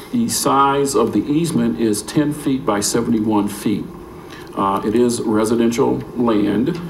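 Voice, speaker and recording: An American man, a planning staffer, reading a formal staff report aloud at a public meeting. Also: mid-range voice. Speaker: city planning staff member. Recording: echoey room with faint noise.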